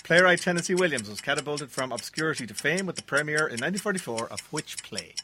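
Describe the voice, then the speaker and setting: A man's voice: a little high, expressive, quick pace, background noise. An Irish man hosting a quiz, reading out questions and bantering with contestants. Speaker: quiz host.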